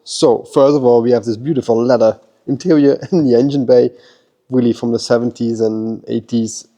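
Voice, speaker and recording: Male workshop host, relaxed dark voice, keen and chatty on camera. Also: medium pitch, moderate pace. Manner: enthusiastic, repeats "beautiful" and "amazing". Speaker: car detailing workshop host. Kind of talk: casual walkthrough vlog. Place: car workshop.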